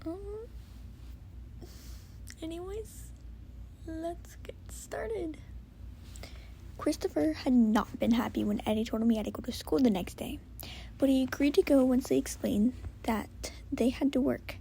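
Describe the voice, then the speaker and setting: Woman, whispered story reading, soft, hushed, gravelly fry, at home. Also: on the high side, fairly quick, slight background noise. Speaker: story reader. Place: home with a cat.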